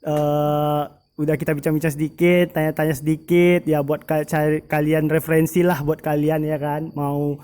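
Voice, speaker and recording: This male motovlogger speaks a little high with little pitch movement, at a moderate pace and with a slightly mellow quality, over a faint hiss or hum. Interviewing a racing team casually, he chats on with plenty of fillers and keeps talking to his audience as if they were friends.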